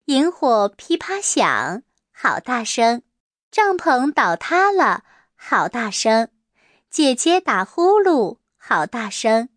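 A woman reading a children's picture book aloud in a slow, sing-song way, repeating a refrain. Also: a little high, big pitch swings, a bit bright, no room sound, clean studio sound. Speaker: storybook reader.

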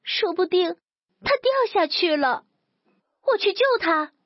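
A woman doing a tearful, high little cat. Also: expressive, measured pace, no echo, muffled recording. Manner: crying out in a high pleading voice.

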